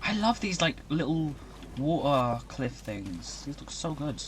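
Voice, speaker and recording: A young man chatting casually as he streams a video game, rambling and breaking into excited outbursts. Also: fairly high pitch, unhurried, slight background noise. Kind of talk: casual live-stream commentary.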